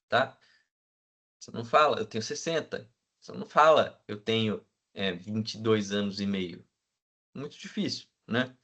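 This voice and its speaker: A man teaching a class, checking in with the students all the time and filling pauses with hesitant sounds. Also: mid-range voice, fairly bright tone. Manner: asks the class for agreement constantly; fills with "né?" and hesitant "é". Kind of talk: classroom lecture.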